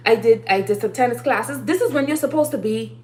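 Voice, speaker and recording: A woman's voice: a little high, a little fast, soft background music. A woman in her thirties giving life advice in a casual live-stream monologue from her kitchen, preachy and urging, repeating her key phrases. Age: 30s. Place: home kitchen while cooking.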